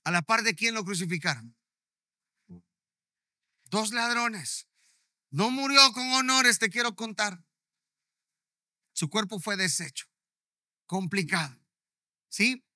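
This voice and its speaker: A man preaching a sermon in a high, ringing and forceful voice. He is emphatic and keeps checking in with his listeners. The sound is dry and close. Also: expressive, slow pace, pauses often, no echo. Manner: emphatic, often checking in with the audience. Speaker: pastor.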